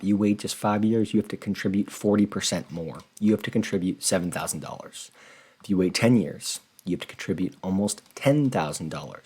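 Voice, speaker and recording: Finance host, male, low and husky, earnest casual explainer. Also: a little mellow. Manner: earnest, conversational, repeats words when rephrasing. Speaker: personal finance channel host. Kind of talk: casual explainer walking through a spreadsheet.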